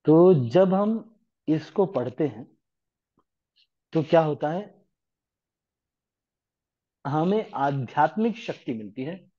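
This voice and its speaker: A man leads a devotional scripture class, his voice sitting a little high for a man. He talks in a relaxed, everyday way and keeps asking his listeners rhetorical questions. The recording is muffled and lo-fi. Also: slow pace, long pauses. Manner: conversational, asks rhetorical questions. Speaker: lecturer on scripture. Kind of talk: devotional Hindi lecture.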